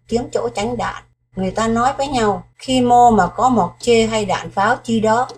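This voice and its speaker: A woman's voice: medium pitch, slight background noise. A woman, reading a first-person war memoir aloud in a solemn, grave voice. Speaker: narrator.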